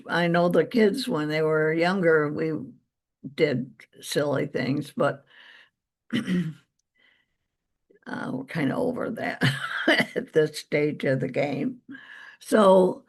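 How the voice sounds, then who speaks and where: A middle-aged woman with an American accent in a casual vlog-style chat, rambling along with small chuckles. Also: fairly low pitch. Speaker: vlog host. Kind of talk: casual gardening chat to viewers.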